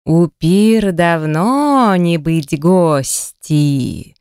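A lumbering, slow-witted swamp troll booms out his broken phrases, every word stretched long, as a woman reader acts him out. The voice sits higher and louder than her usual reading and sounds oddly unlike her own. The recording is dry and close. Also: clean tone, no room sound. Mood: bellowing. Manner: slow, drawn-out broken speech. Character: hulking dim-witted male swamp troll. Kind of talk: audiobook character voice.

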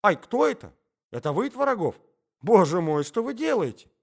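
A man voicing a flustered, flirtatious society lady who gushes in breathless, shrill exclamations. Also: sing-song, moderate pace, a little mellow. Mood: alarmed.

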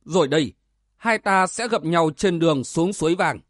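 A sorrowful, resigned middle-aged scholar who speaks softly, read by a man in close to his own voice. The voice is fairly high, and the sound is dry and close. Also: animated, moderate pace, dry recording, natural voice. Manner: sorrowful, soft-spoken.

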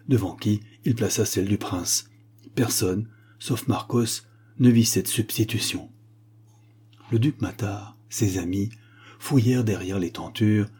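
A man reading a novel aloud as audiobook narration, measured and storytelling. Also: fairly low pitch, warm tone, slightly rough. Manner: measured storytelling with acted quotes. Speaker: audiobook reader. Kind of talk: scripted narration.

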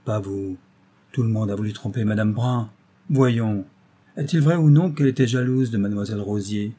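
A man's voice: on the low side, normal speed, lightly acted. A man reading aloud voices a playful, mischievous young woman who teases an older man. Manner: lively, teasing.

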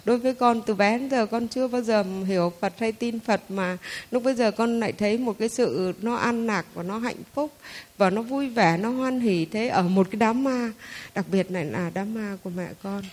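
A woman's voice: a little high, moderate pace, darkish tone. A middle-aged woman shares a personal spiritual testimony as a Buddhist lay follower, speaking in a heartfelt, conversational way with hesitant fillers.

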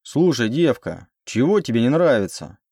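A man playing a rough male cart driver who mocks and threatens, talking gruffly. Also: mid-range voice, big pitch swings, normal speed, darkish tone, dry recording, studio quality, voice pushed up, heavily acted. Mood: mocking. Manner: gruff and mocking.

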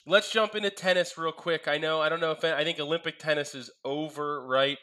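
A man hosting a sports betting podcast, calling on each co-host for picks in relaxed banter. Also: fairly high pitch, brisk. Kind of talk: casual sports betting chat.

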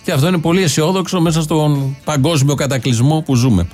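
A man hosting a satirical show delivers sarcastic commentary full of mocking irony and ironic asides. His voice is a little high and slightly mellow, with soft music playing in the background.

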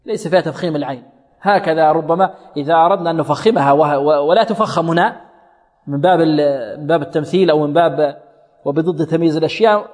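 A man with a fairly high voice leads a tajweed class. He quizzes his students and repeats each sound several times to demonstrate it. The recording rings with long hall reverb. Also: fast talker, darkish tone. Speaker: Quran recitation teacher.

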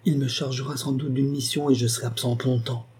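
A man's voice: medium pitch, level tone, fairly quick, a little mellow, husky, natural voice. A man voicing a brave young peasant girl, speaking earnestly and a little breathlessly. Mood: urgent.

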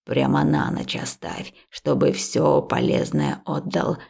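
A woman voicing a wise, stern old village herbalist who gives slow, measured instructions. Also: a bass voice, very animated, vocal fry, darkish tone, breathy edge, voice pushed down, exaggerated voice. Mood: instructive.

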